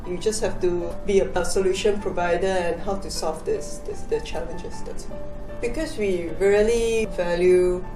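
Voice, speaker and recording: Low-voiced woman, cafe founder interviewed. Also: steady tone. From Malaysia. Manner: measured, explains step by step with fillers. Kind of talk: interview answers. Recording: roomy, distant mic, music behind.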